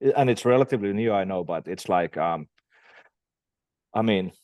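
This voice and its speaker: A man in a casual conversation about music, enthusiastic and halting, with frequent restarts. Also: on the low side, lively intonation, darkish tone, dry recording. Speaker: interviewer, band member.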